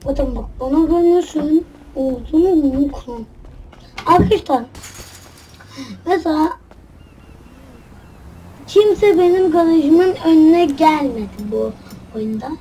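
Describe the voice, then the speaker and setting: A young woman chatting playfully as she comments on her own gameplay, often dropping to a soft murmur. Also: high-pitched, animated, slow, long pauses, slight background noise, poor audio. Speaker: gaming channel host.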